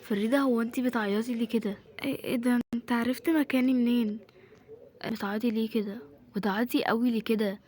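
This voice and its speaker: A woman voicing a gentle young Egyptian man. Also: a little high, fairly even intonation, fast talker, lightly acted. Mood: concerned. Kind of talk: amateur voiced home drama.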